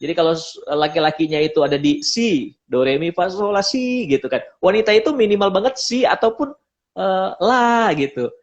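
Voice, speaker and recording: A man's voice: sits high, fairly quick, muffled recording. A man giving a casual pre-marriage seminar talk, explaining points and acting out quoted speech. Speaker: pre-marriage class speaker.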